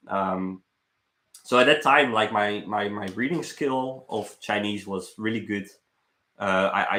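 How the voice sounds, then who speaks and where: A young Dutch man from the Netherlands, a live streamer and travel vlogger, rambles casually while catching up with viewers, halting and repeating words. His voice is bright, forceful, gravelly and on the low side. The sound is roomy and echoey.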